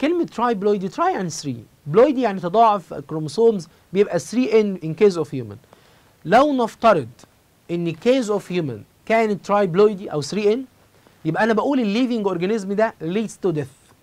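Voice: mid-range voice, expressive, fast talker, darkish tone. Egyptian biology teacher explaining step by step. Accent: Egyptian Arabic. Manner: explains step by step, switching between Arabic and English mid-sentence; repeats and counts through points in short lists. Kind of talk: recorded exam-prep lesson.

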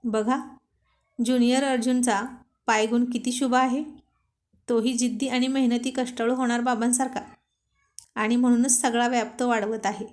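A woman's voice: a little high, level tone, moderate pace, long pauses, a little mellow, natural voice. A woman voicing a stubborn, pouting young wife who sulks and demands attention in a storybook reading. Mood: pleased.

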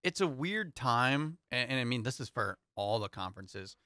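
A man's voice: medium pitch, big pitch swings, moderate pace, sharp tone, dry recording, studio quality. A young man co-hosting a casual sports talk show, easygoing and hedging his thoughts with fillers. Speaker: co-host.

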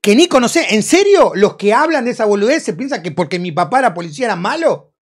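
A man in his thirties speaks with a Rioplatense Argentine accent. He rants in a streetwise, swearing way, and his pitch swings widely from low to high as he talks. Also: quick pace, slightly rough. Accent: Rioplatense Spanish. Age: 30s. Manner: animated, swearing, streetwise rant with acted quotes. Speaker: interview guest, freestyle rapper. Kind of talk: heated casual interview talk.

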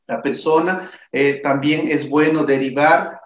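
This recorded psychology lesson features a man whose tired voice sits on the high side, with fairly even intonation and a slightly slow delivery. He is earnest, says things more than once, and checks in with "¿de acuerdo?" as he talks over slides. The lo-fi audio sounds dull and echoey.

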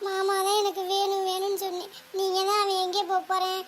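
A woman's voice: very high-pitched, completely flat delivery, a little fast, noisy background. A woman voicing a jilted young woman in a cartoon family drama, whiny and reproachful. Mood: bitter. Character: jilted young woman, petulant would-be bride.

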